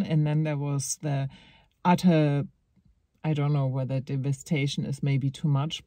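Slow, rambling woman musing aloud. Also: low voice, mellow, dry recording. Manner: rambling, hesitant, with frequent laughs and restarts; wry, sarcastic asides. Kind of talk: casual reflective monologue.

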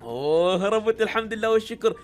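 An excitable woman with an Iraqi Arabic accent hosts game commentary at a quick clip. Her pitch leaps around lively between low mutters and high yelps. Faint game music plays behind her. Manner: excitable, laughing, shouty exclamations. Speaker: gaming channel host.

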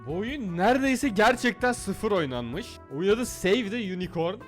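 Excitable man doing game commentary. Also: high-pitched, moderate pace, faint music behind. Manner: excitable, jokey, shouts at the game. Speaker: gaming YouTuber. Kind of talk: let's play commentary.

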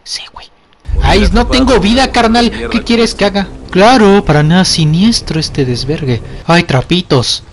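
A man's voice: high voice, unhurried, hardly any pauses, a little hiss or hum. A young man with a Mexican accent doing let's play commentary, joking in slang and easily startled. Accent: Mexican Spanish. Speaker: gamer. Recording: game music playing behind.

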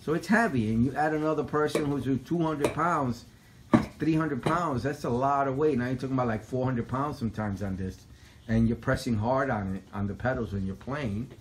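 A man talks casually into a handheld phone camera in his living room, walking through a do-it-yourself job with plenty of ums and restarts. His pitch sits in the ordinary middle range. Faint household sounds stay in the background. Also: normal speed, slight background noise, rough recording. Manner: chatty, explains step by step with fillers. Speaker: home video maker. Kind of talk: casual unboxing and DIY talk.

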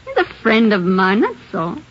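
A young woman under suspicion of murder is portrayed by an actress in a 1950s radio drama, defiant, sullen, and snappish in her curt replies. Her medium-pitched voice swings hugely in pitch at normal speed, and the dull old broadcast has a little hiss or hum.

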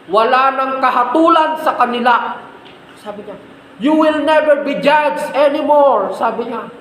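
A man's voice: very high-pitched, a bit bright, reverberant, slight background noise, poor audio. A man preaching a sermon as a pastor, repeating phrases and asking rhetorical questions.

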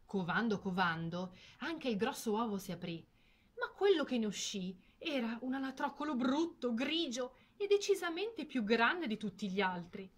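A woman telling a fairy tale to children, expressive and lingering on words. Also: high-pitched, normal speed. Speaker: storyteller. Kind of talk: storybook narration for children.

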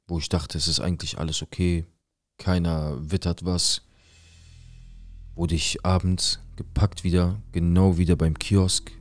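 A man's voice: low-pitched, flat delivery, unhurried, faint music behind. A young man telling a personal story in casual street slang, acting out quoted dialogue. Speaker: guest telling his life story.

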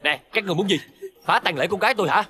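A man's voice: high voice, racing, sharp tone, slightly rough, exaggerated voice. An actor playing a frightened village father who pleads frantically with the official in a folk-tale TV drama. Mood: defensive.

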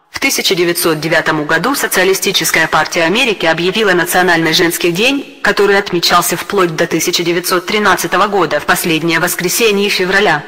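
A computer-generated male voice, high and bright, reads out encyclopedia text with even, mechanical delivery. This robot voice is set in a long reverb that trails after each phrase. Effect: text-to-speech robot voice. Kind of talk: synthetic reading of an encyclopedia text.

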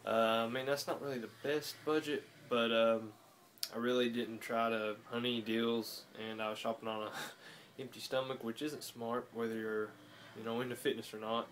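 Recording a casual vlog in a room at home, a nineteen-year-old man who does fitness content rambles laid-back with many "uh"s into a close phone camera. The medium-pitched, fairly bright voice keeps a level tone at a moderate pace with hardly any pauses, over a little hiss or hum.

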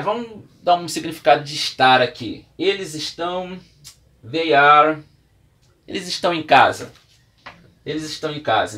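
In a whiteboard classroom, a man with a Brazilian Portuguese accent and a slightly high, fairly bright voice teaches English. He explains patiently, one step and example at a time, writing and erasing on the board as he speaks.

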